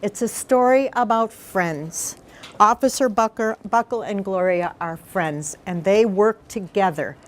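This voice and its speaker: A woman who is a mayor reads a picture book aloud to schoolchildren in a mid-range voice. She explains things informally as she goes and pauses to ask the children questions.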